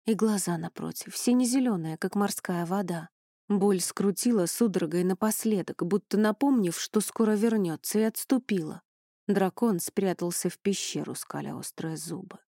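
A woman narrating a fantasy novel in a measured, even reading, recorded dry and close. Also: mid-range voice, vocal fry, no room sound. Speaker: audiobook narrator. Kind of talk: scripted narration.

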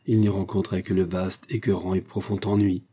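A man narrating a classic adventure novel in a steady, measured reading. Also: low voice, breathy edge. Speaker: audiobook narrator. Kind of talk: scripted narration.

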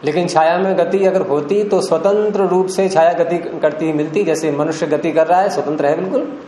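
A man's voice: on the high side, moderate pace, mellow. A man lecturing a class on classical Indian logic and grammar, explaining step by step and quizzing his students. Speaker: teacher of Nyaya philosophy. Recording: echoey room with faint hiss.

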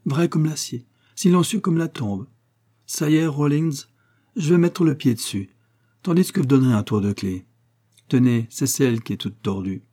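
A man's voice: mid-range voice, normal speed, warm tone, voice pushed up, close to an everyday voice. A man reading an audiobook voicing an effusive, evasive aristocratic lord who chatters jovially and talks over others. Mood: breezy jovial.

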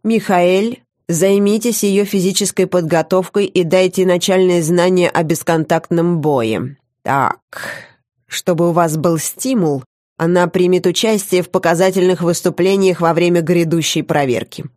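A woman voicing a sly, scheming middle-aged male academy director in an audiobook, speaking in a smug, drawn-out, biting way. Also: fairly low pitch, darkish tone, dry recording, studio quality, close to an everyday voice. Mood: commanding. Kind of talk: audiobook character voice.

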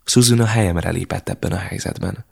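A man reading an audiobook in a steady, measured narration. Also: deep voice, vocal fry, breathy edge. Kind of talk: scripted narration.

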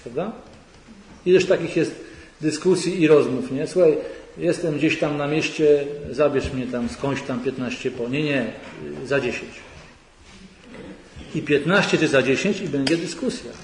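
In a large sanctuary hall, a man with a higher-pitched, unhurried voice gives a conversational church retreat lecture, often putting rhetorical questions to the audience. The recording is echoey with faint noise.

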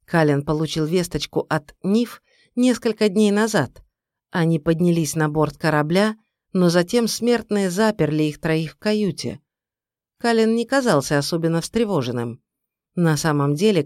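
A woman reading a first-person fantasy audiobook in a steady, even storytelling voice. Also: on the low side, moderate pace, dry recording, studio quality. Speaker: audiobook narrator. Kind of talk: scripted first-person narration.

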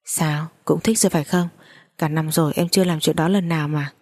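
A woman's voice: low voice, steady tone, fairly quick, mellow. A woman voicing a pushy, possessive adult man, speaking in an insistent, coaxing way.

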